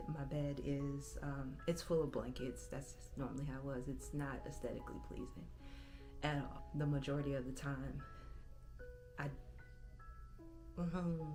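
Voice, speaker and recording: A woman in her thirties, hosting her own channel, talks reflectively from her bedroom in a halting, self-correcting way. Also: low-pitched. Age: 30s. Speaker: channel host. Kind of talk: personal vlog monologue.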